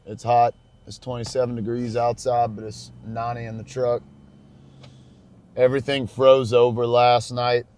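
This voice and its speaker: A man's voice: mid-range voice, level tone, normal speed, darkish tone. Young adult male road-trip vlogger, drawl, easygoing chatter to camera while driving. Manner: chatty, addresses viewers as y'all. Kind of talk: casual road-trip vlog talk. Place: inside a moving truck.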